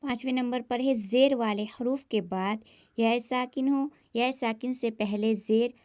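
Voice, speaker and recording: A woman teaching a step-by-step Quran recitation lesson with a Pakistani Urdu accent, slowly drawing out each example word and patiently repeating the rules. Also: a little high, a little mellow, no echo, clean studio sound.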